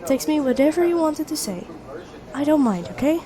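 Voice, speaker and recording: Here the same sweet best-friend character with a hidden crush sounds reassuring, her high, expressive voice at a moderate pace. She stays gentle, earnest and encouraging, chatting with soft hesitations in this intimate one-sided audio roleplay. Cafe crowd chatter murmurs behind her.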